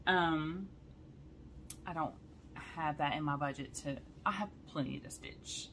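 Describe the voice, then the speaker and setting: A woman, chatting excitedly to her viewers in a cross-stitch vlog and often saying y'all. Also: low voice, a little slow, a little hiss or hum. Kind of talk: casual chat to viewers.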